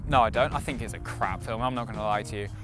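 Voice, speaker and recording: A man's voice: on the low side, fast talker, music in the background. A young man giving casual, opinionated reviews to camera as a vlog co-host.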